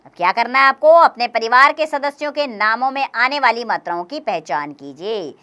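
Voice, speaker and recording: A woman teaching a grammar lesson for young children, explaining slowly and clearly, step by step. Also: on the high side, animated, bright, forceful tone.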